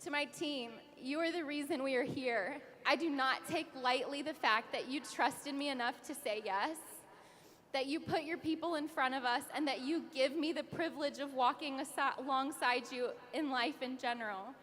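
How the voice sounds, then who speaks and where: A woman's voice: sits high, moderate pace, fairly bright tone. A young woman in her twenties giving a heartfelt, emotional recognition speech on stage, sometimes laughing through tears. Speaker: award speaker. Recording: reverberant hall with audience.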